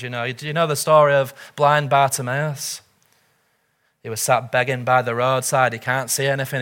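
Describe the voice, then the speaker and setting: A man's voice: on the high side, a bit bright. A middle-aged man preaching a sermon as pastor, earnest and urgent, full of rhetorical questions.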